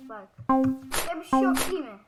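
High-voiced woman ranting over gameplay. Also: lively intonation, fairly quick. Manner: frustrated, swears and yells at the game. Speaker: gaming YouTuber. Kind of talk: casual gameplay commentary. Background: loud game music.

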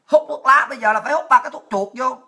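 A woman's voice: high voice, quick pace, bright, forceful tone. A woman delivering a blunt, crude, fiery political rant to her viewers, swearing freely. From Vietnam. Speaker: political commentator.

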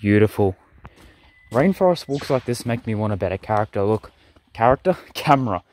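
A man's voice: lowish voice, lively intonation, brisk, darkish tone. A young man, chatting in an easygoing, rambling way as he narrates his vlog and comments on a bushwalk. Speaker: vlogger.

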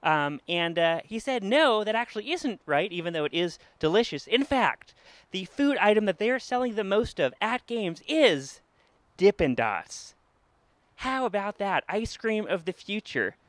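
Host type: thirties guy, high bright voice, handheld mic, upbeat and playful, wandering a stadium. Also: very animated, no echo. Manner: upbeat, playful, quick questions. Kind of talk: casual on-location interview. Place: outdoor stadium and indoor offices.

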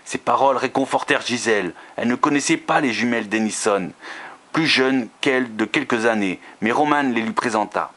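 A man reading a romance novel aloud, steady, with occasional slips and restarts. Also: medium pitch, a little fast.

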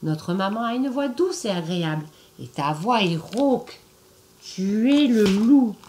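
A woman voicing a chorus of frightened young goat kids in a shrill, shouting way. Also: animated, measured pace, a little hiss or hum, natural voice. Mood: alarmed.

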